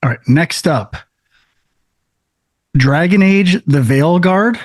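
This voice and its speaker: Guy hosting a games podcast, kinda high voice, dry close mic, halting chatty delivery. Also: animated, no room sound. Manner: leads the rundown, halting and chatty. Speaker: podcast co-host. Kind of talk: casual chat.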